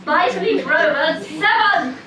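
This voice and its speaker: A woman playing a deliberate, mock-formal news anchor in a comic amateur pantomime. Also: very high-pitched, lively intonation, heavy background noise, heavily acted. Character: deliberate female TV news anchor reading football results. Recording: echoey hall, distant mic, loud audience.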